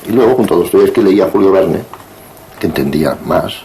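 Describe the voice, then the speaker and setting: A man in his sixties from Barcelona, speaking as an interview guest in a measured, digressive way with frequent hesitations. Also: low voice, dark tone, slight background noise, poor audio. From Barcelona, Spain. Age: 60s. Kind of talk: reflective interview conversation.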